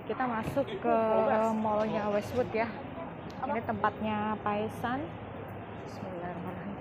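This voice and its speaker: Filming on a handheld phone, a woman keeps up a chatty, relaxed walking vlog at a moderate pace and medium pitch as she moves from the streets outside into a shopping mall. The recording carries heavy street noise and mall ambience.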